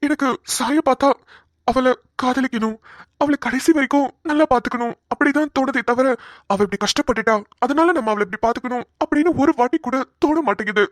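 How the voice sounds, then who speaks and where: Woman doing a heartfelt young cartoon guy, fairly high voice, dry sound. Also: brisk, dry recording, lightly acted. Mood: earnest. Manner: earnest, heartfelt pleading. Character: earnest young man, remorseful suitor. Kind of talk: cartoon voice acting.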